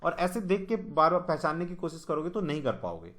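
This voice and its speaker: A man teaching exam reasoning questions, often asking the students whether they follow and reading the English question text slowly. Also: on the high side, very animated, fairly bright tone. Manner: spells out letters one by one while writing. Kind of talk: explaining reasoning questions at a board.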